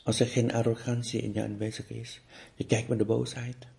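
A man giving a contemplative spiritual talk, speaking slowly and repetitively with pauses, sometimes dropping to a near-whisper. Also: medium pitch, little pitch movement, creaky, darkish tone. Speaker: spiritual teacher.

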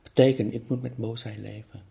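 A man giving a contemplative spiritual talk, speaking slowly and repetitively with pauses, sometimes dropping to a near-whisper. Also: mid-range voice, steady tone, vocal fry, warm tone. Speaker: spiritual teacher.

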